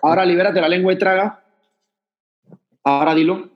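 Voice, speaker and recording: A Panamanian man with a Panamanian Spanish accent, a guest who is an actor and voice coach, chats animatedly and casually about voice technique, demonstrating sounds. His voice sits high, with a steady tone at normal speed, and the audio is dull.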